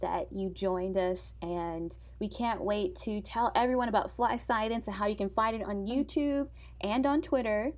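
A young woman co-hosting a podcast, chatting casually in a soft, comforting voice and laughing often. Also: medium pitch, a little slow, hardly any pauses. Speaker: podcast co-host. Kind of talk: casual chat.

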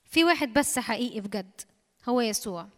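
A woman with an Egyptian Arabic accent preaches quickly in a high voice. She repeats her points for emphasis and quotes scripture. Her voice rings with the long reverb of a church hall. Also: lively intonation, a bit bright. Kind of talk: sermon.

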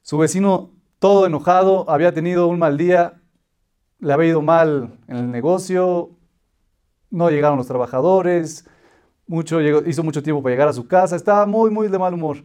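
A man with a fairly high voice teaches a Torah lesson. He tells a parable and explains it patiently, stacking short repeated phrases one after another. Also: a little fast, a little mellow, clean tone. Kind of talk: religious lesson with a told parable.

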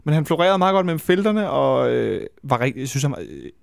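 A man's voice: medium pitch, sing-song, vocal fry, clean tone, dry recording, clean studio sound. A man co-hosting a casual football podcast, talking at length and explaining his views. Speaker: podcast co-host.

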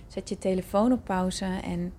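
A woman's voice: medium pitch, steady tone, measured pace, warm tone, slight background noise. A woman hosting a podcast, informally addressing her listeners in an introduction. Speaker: podcast host.

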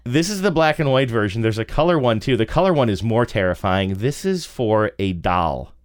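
A man's voice: medium pitch, lively intonation, moderate pace. A middle-aged man co-hosting a podcast, telling stories casually in a joking, incredulous way. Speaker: podcast co-host. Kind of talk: casual conversational storytelling.

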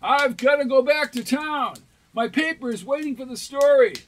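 A man's voice: extremely high pitch, normal speed, a bit bright. A man playing a confident, polite young newspaper reporter in a 1940s radio serial. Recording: noisy vintage 1940s radio recording.

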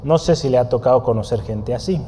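A man's voice: mid-range voice, fast, warm tone, slightly rough, in a large hall. A man teaching a Bible study lesson in a conversational way, often asking his listeners questions and writing on a board. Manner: writes on a board while teaching.

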